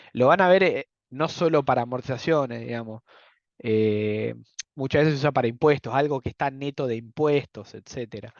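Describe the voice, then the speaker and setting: The speaker is a young man from Argentina teaching economics at a university, explaining things one step at a time, full of fillers and frequent checks on whether students are keeping up. He has an Argentine Spanish accent and a mid-range voice. The audio is dull, with no room sound.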